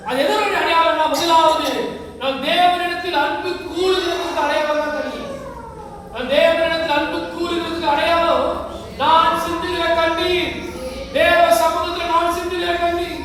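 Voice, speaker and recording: Very high-voiced woman preaching in an echoey hall. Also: steady tone, moderate pace, fairly bright tone. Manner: fervent, frequent hallelujahs and rhetorical questions. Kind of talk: sermon. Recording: echoey hall, voice far from the mic.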